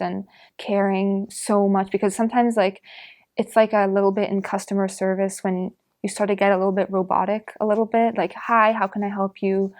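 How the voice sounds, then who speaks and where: Chatty teenage girl, flat delivery. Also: medium pitch. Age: teens. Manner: chatty, many "like" fillers. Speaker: interviewee, student volunteer. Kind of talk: casual recorded interview.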